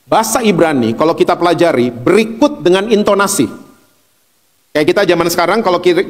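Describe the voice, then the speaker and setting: A male pastor, preaching a sermon with lively, humorous storytelling. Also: a little high, in a large hall.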